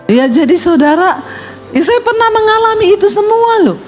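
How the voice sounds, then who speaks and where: A middle-aged woman pastor preaching a sermon, telling a comic personal story and calling out to the congregation with lively voiced asides. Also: extremely high pitch, normal speed, soft background music.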